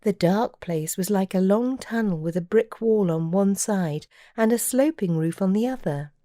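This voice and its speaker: A woman narrating a children's storybook aloud in a gentle, measured way. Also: medium pitch, no room sound, studio quality. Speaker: audiobook reader.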